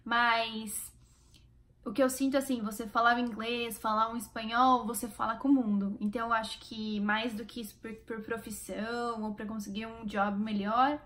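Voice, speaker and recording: A Brazilian woman with a high voice talks straight to her viewers in a casual vlog. She is chatty and encouraging, with a Brazilian Portuguese accent. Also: level tone, normal speed, a bit bright. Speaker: vlogger.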